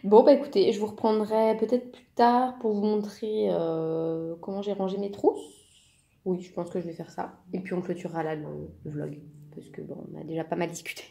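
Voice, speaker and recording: A woman's voice: mid-range voice, steady tone, moderate pace, gravelly, mellow. A woman in her thirties, a part-time teacher, chatting casually with many fillers and self-corrections while she colors for her vlog. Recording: echoey room.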